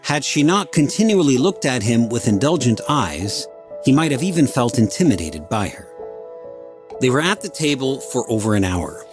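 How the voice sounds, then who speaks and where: Male narrator telling the story, lively up and down voice, faint music behind. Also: medium pitch, normal speed. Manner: storytelling, expressive. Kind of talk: scripted narration.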